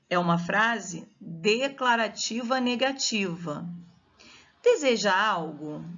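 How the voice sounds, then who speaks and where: A woman's voice: fairly high pitch, a bit bright. Woman teacher, Brazilian Portuguese accent, grammar lesson, step-by-step explaining, muffled lo-fi sound. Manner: explains step by step, checks with students.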